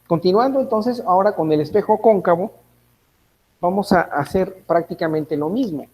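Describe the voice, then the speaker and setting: A male physics teacher with a Mexican Spanish accent walks his students through a lesson, thinking aloud, correcting his own slips and asking them to check. His voice sits a little high and sounds mellow rather than bright. A faint steady noise runs underneath. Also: moderate pace, low-quality recording. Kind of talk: online class lecture.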